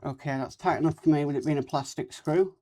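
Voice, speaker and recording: A model-building host with a mid-pitched voice gives a casual, hands-on walkthrough of a build. The speaker is talking with a cold sore on the lip. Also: steady tone, fast, dark tone.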